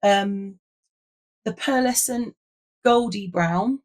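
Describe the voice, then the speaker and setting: A British woman hosting a casual, chatty craft vlog with a hoarse, croaky frog voice, as if she has nearly lost it. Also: mid-range voice, slow pace, darkish tone. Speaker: host of a craft video.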